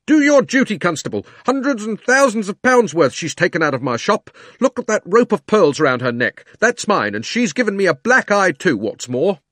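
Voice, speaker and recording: A man playing a shrill, furious fat shopkeeper. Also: sing-song, normal speed, hardly any pauses, dry recording, clean studio sound, heavily acted. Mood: outraged. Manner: shrill, indignant shouting. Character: fat angry middle-aged male shopkeeper.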